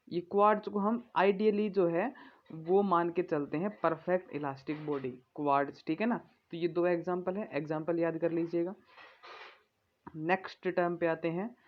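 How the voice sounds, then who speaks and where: A woman teaching physics who reads English definitions slowly and explains them in Hindi, often checking in with her students. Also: mid-range voice, muffled recording. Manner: checks in with "ठीक है ना". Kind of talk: exam-prep lesson.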